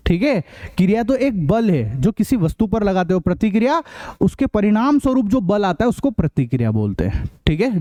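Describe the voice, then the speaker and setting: Male tutor, mellow tone, high voice, drills key terms and keeps checking in. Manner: repeats key words as questions and answers them himself; often checks understanding with "ठीक है?". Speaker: science teacher. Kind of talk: classroom-style video lesson.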